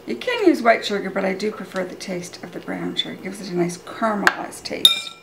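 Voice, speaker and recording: Speaking a bit quickly with lively intonation and some vocal fry, a middle-aged woman demonstrates a recipe step by step in her kitchen at home. Her mid-range voice is chatty and relaxed, like a home cook presenting her show. The audio comes from a camera several metres away, so it sounds roomy and distant, with heavy kitchen noise.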